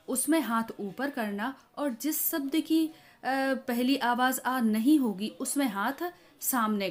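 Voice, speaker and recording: A woman teacher from India explaining a lesson step by step, pausing often with fillers and drawing out example words as if for young children. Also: mid-range voice. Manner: slow, halting explanation with many filler pauses; models words for children in drawn-out syllables. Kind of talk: teacher training walkthrough of a workbook lesson.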